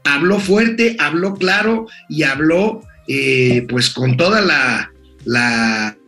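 Bright-voiced older Mexican man, high. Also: soft background music. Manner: quick, reads listener comments aloud. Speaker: co-host. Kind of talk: casual political talk show.

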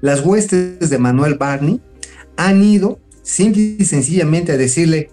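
A man's voice: fairly high pitch, lively intonation, a little slow, over music. A man with a Mexican accent co-hosting a political talk show, blunt and swearing freely. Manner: blunt, profane, mocking. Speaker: co-host.

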